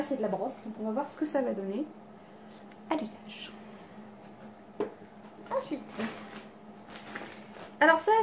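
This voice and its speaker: Chatty woman, higher voice. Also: background noise. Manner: chatty, self-deprecating, full of fillers and restarts. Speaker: beauty vlogger. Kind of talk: casual haul chat to camera. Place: home with cats around.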